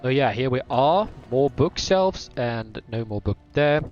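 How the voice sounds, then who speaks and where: A man's voice: mid-range voice, lively intonation, unhurried, darkish tone, dull audio. A man giving casual let's-play commentary, rambling and correcting himself as he goes. His voice sits in a middle range, with faint game music playing behind him. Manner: rambling, with many fillers and self-corrections.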